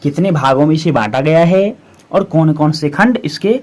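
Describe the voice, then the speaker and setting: A man's voice: fairly high pitch, moderate pace, darkish tone. A man teaching a grammar lesson, explaining patiently and repeating points with questions to the class.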